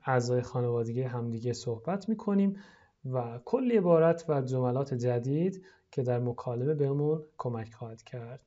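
A teacher giving a recorded video lesson, explaining in everyday speech and reading English lines very slowly, word by word, for pupils to repeat. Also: medium pitch, animated, mellow, lo-fi sound.

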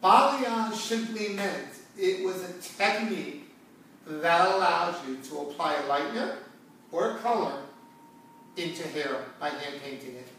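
Hosting a conversational, educational talk show from an indoor hair salon seating area, a middle-aged hair stylist speaks to viewers emphatically, repeating phrases to make his point. His high voice is fairly bright and a little slow. The sound comes from a far camera in an echoey room with background hiss.

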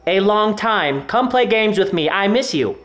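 A man putting on a flat, stiff robot voice. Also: high-pitched. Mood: deadpan. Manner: slow, flat, monotone robot voice. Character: robot posing as a man's brother, flat and stiff. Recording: echoey room with faint music.

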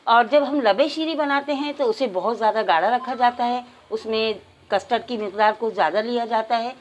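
High-voiced woman giving calm recipe steps. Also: moderate pace. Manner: calm, instructive, addresses viewers directly. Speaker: cooking channel host. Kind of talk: step-by-step recipe voice-over.

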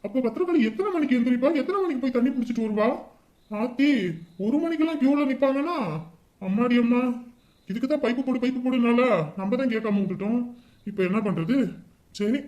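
A woman's voice: a little high, brisk, warm tone, muffled recording, natural voice. An actress playing a worried woman who frets aloud with sighs, speaking. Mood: fretful. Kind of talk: village drama monologue.

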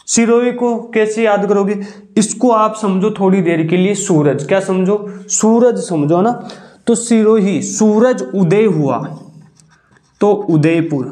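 High-voiced teacher, call-and-response. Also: male voice, darkish tone. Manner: repeats questions and answers them himself, drawn-out emphasis. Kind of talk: classroom lesson teaching a memory trick.

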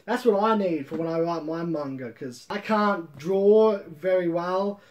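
A man in his thirties hosts a casual, comedic manga review show from a room at home with bookshelves, rambling, swearing, and repeating phrases with mock-boastful swagger for comic effect. His voice sits high with a darkish tone, is a little slow, and the recording has its highs cut off.

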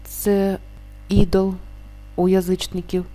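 A woman teaching a grammar lesson, stating each rule and then slowly and carefully sounding out the example words. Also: mid-range voice, level tone, warm tone.

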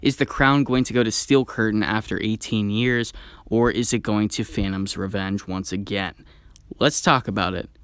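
A man talking in an excited, chatty way as a theme park vlogger, sharing strong opinions in video commentary. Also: fairly low pitch, moderate pace, clean tone, no room sound.

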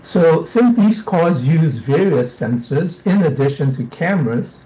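A man's voice: fairly high pitch, animated, warm tone. Polite middle-aged man from Singapore, video call. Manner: polite, formal, deliberate. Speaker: audience member asking a question. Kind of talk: prepared question on a video call. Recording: dull lo-fi video call audio.

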